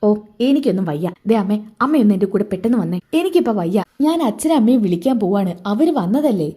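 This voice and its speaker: A woman's voice: mid-range voice, expressive, fast, dark tone, slightly rough. A woman voicing a young man who is bitter and insistent with his mother. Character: young man, angry, protective son.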